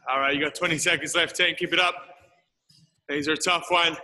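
A man's voice: fairly high pitch, fairly even intonation, brisk, pushed and bright. A man coaching a live workout, encouraging the group and counting down the time. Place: large gym studio.

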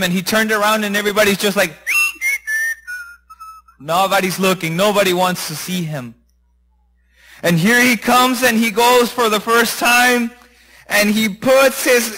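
High, bright-voiced man preaching a story. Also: rough recording. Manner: animated, acts out characters' voices. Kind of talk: dramatic sermon storytelling.

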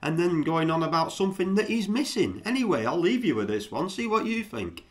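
A man's voice: sits high, big pitch swings, brisk. A man, hosting a comedy vlog, rambling and stammering as he mocks clips for his viewers. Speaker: vlogger host. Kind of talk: mocking commentary to viewers.

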